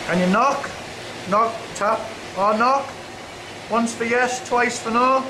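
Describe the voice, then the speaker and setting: A man with a very high voice puts short, repeated questions to spirits on a ghost hunt. The room is echoey, with clear noise behind him. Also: slow. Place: indoor pub cellar.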